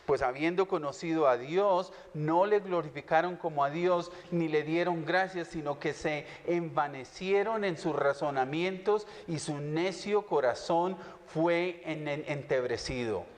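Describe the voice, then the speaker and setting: A fairly high-voiced man interprets a lecture live, reading scripture aloud and repeating each point after the teacher. His voice carries a long reverb from a large hall. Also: measured pace, few pauses. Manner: reads aloud, then echoes the teacher phrase by phrase.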